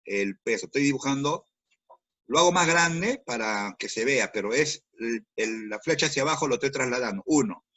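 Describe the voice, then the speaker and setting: A male physics teacher talks his students through a problem one step at a time. His voice has a slightly husky edge and sits in an ordinary middle pitch. He repeats key words and speaks straight to the class. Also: expressive, normal speed, bright, forceful tone. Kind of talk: online class lesson.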